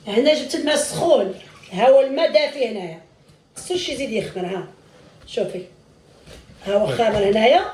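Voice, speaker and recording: Her voice is high-pitched as she runs a cooking demonstration vlog from her home kitchen, chatting affectionately and referring to viewers as sisters. The recording carries slight background noise, room echo, and a far-off mic.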